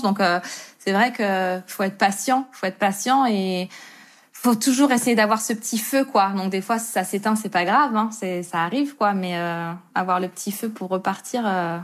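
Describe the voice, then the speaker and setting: Easygoing woman in her thirties. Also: mid-range voice. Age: 30s. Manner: easygoing, hesitant, laughs often. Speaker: wedding tattoo artist, podcast guest. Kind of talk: casual interview chat.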